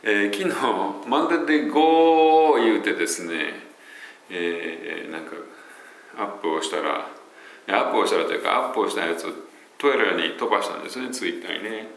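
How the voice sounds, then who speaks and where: A man's voice: on the low side, moderate pace, vocal fry, recorded from a distance, a little hiss or hum. A man with a Kansai accent, an English pronunciation teacher, casually explaining sounds and demonstrating them aloud. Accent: Kansai Japanese. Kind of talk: casual spoken lesson. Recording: very echoey room.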